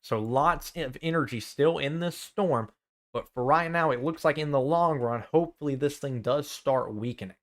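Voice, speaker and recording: A man's voice: fairly high pitch, normal speed. Young man giving live storm warnings. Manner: urgent, lists towns and times, self-correcting. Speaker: student meteorologist. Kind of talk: live severe weather coverage.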